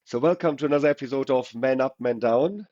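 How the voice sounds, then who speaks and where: Hoarse, muffled man hosting a podcast. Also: medium pitch, darkish tone, soft background music. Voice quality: hoarse voice from a cold. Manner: halting, stumbles over words. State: has a cold. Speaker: podcast host. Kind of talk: conversational podcast introduction. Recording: muffled, roomy lo-fi sound.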